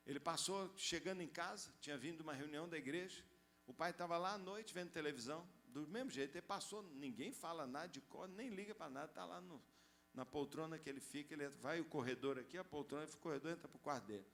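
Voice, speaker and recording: Pastor, lively storytelling, fairly high voice, faint background noise. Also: male voice, fast talker. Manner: animated, conversational, joking with congregation. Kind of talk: storytelling sermon.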